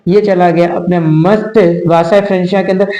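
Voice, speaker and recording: A young man with a high voice teaches biology in an echoey room. He talks to his students in a coaxing way, repeats each term several times, and answers his own questions. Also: fairly even intonation, normal speed, dark tone. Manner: repetitive, coaxing, asks questions and answers them himself. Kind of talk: explanatory lesson for exam students.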